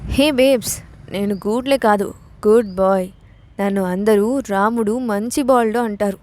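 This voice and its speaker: A woman's voice: medium pitch, a little slow, a little mellow, close to an everyday voice. A woman putting on a slurring, sappy drunk man. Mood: drunkenly sappy. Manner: slurred, whiny, mock-affectionate.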